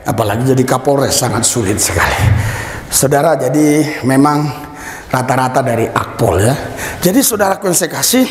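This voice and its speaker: A man preaching a sermon as a pastor, telling a story with acted-out dialogue and bursts of shouted praise. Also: medium pitch, expressive, normal speed. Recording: echoey hall with long reverb.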